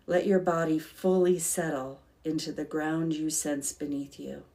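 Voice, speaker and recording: Female meditation guide for a calm grounding exercise: slow, gentle, creaky voice. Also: low-pitched. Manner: calm, soothing, gentle, unhurried with long pauses.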